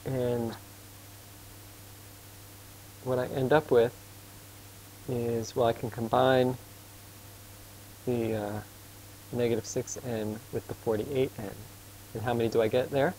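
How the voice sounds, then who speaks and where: A man tutors math informally in a mid-range, darkish voice with a level tone. Patient and casual, he quizzes the student throughout and admits he's a fast talker; the audio is poor with slight background noise.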